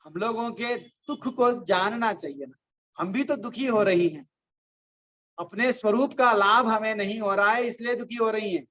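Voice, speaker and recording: A man, a religious teacher, giving a devotional discourse, slowly chanting verses and explaining them through animated storytelling. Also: high voice.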